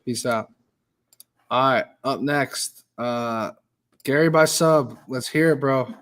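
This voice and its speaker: A man's voice: medium pitch, takes it slowly, a bit bright. A man hosting a sports betting call-in show, laid-back and casual. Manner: laid-back, says bro a lot. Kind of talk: casual chat.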